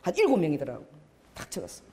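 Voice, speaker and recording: Animated woman pastor preaching. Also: sits low, fast talker, roomy sound. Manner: animated, dramatic storyteller who acts out scenes. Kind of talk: sermon with storytelling.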